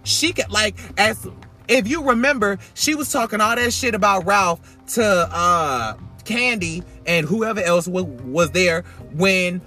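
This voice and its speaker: A man giving sassy, emphatic, opinionated casual commentary as a podcast host, talking loudly as if to be heard over rain. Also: high-pitched, lively intonation, measured pace. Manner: emphatic, sassy, swearing freely. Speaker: podcast host reviewing reality TV. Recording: iPhone recording with background music. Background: rain and music.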